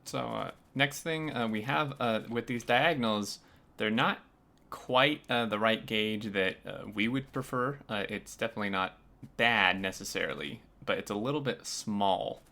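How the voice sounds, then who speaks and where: Guy hosting a chill game review, low pitch, lots of uhs. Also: moderate pace, gravelly. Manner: relaxed, many uh fillers. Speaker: host. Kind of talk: casual gameplay review chat.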